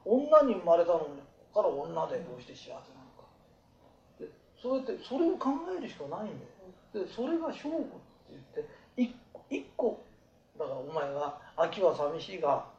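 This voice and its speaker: A man giving life advice to a small group in blunt, rough, colloquial talk. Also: on the high side, sing-song, fairly quick, darkish tone, reverberant, dull audio.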